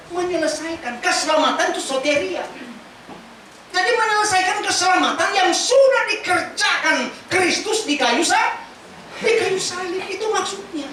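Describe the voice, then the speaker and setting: High-voiced woman preaching in an echoey church. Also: a little hiss or hum. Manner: lively, quizzes the congregation with questions; casual spoken Indonesian mixed with scripture teaching. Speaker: pastor. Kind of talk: sermon. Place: large church hall. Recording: very echoey church hall from far off.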